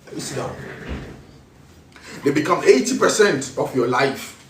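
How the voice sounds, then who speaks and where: A man's voice: a little high, lively intonation, unhurried, slight background noise. A man with a Ghanaian accent giving a spiritual teaching talk, preaching in a repetitive way as he switches between Twi and English. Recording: roomy echo, voice from a distance.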